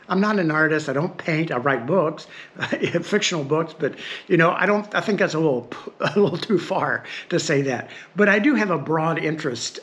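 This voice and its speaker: A man's voice: a little high, a bit bright. Frank, wry older man. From Northeast Tennessee. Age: 60s. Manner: frank, wry, chuckles often, digresses. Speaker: podcast host. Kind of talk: candid personal monologue.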